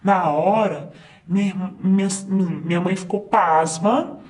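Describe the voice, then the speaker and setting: A man's voice: sits high, a little slow, a little mellow. A man narrating a first-person story in a conversational way, with fillers and asides to the listener.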